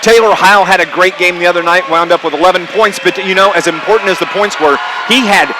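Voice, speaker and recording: Quick and high-voiced, this radio play-by-play sports announcer delivers live basketball action in clipped running phrases. The noisy gym broadcast carries gymnasium ambience and the sound of bouncing balls.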